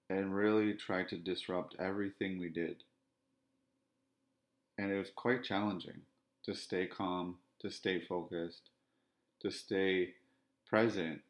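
A podcast host from Ontario delivers a monologue in what he calls a monotone. His low voice stays flat, and his phrasing is measured and repetitive.

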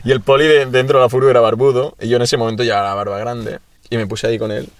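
A man's voice: mid-range voice, fairly even intonation, fast talker, dry recording. A young man co-hosting a casual podcast chat, swearing freely and acting out other people's voices as he tells anecdotes. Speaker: podcast co-host.

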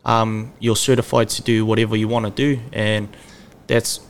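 A man's voice: fairly low pitch, little pitch movement, moderate pace. A man in his twenties from Samoa, a podcast guest chatting in a laid-back, easygoing way. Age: 20s. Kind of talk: casual chat.

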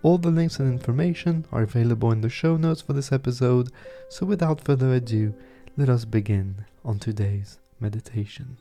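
A man guiding a meditation as host, speaking in a soft, slow, soothing way. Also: medium pitch, soft background music. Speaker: meditation podcast host and guide. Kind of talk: guided meditation narration.

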